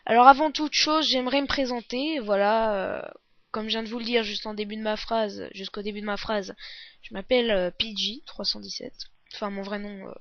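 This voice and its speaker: A woman with a sore throat giving a casual, halting, apologetic game walkthrough as a beginner presenter. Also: mid-range voice, fairly even intonation, no room sound. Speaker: let's play presenter, beginner. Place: indoors, recording at a computer. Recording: dull lo-fi close dry mic.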